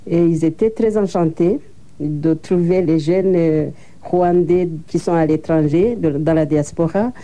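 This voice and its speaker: A woman being interviewed for a broadcast, a co-founder of an association, speaks in a lowish, warm voice at a measured pace. She talks plainly and walks through events one step at a time.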